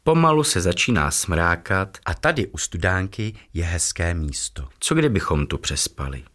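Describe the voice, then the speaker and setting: A man's voice: sits low, sing-song, fairly bright tone, full character voice. Man voicing a cheerful magic elf. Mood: reassuring. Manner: kindly, reassuring.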